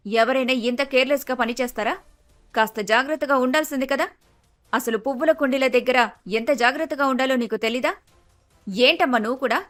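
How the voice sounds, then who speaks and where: A woman's voice: high voice, fast talker, fairly bright tone, faint music behind. Arrogant spoiled sister-in-law, voiced by a woman. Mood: haughty. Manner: reproachful, haughty.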